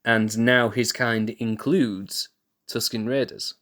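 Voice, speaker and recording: Slow, musing male streamer. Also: mid-range voice, fairly even intonation, fairly bright tone. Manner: musing, thinks aloud with restarts and self-corrections; laid-back, chuckles at himself. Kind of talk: casual live-stream chat while building.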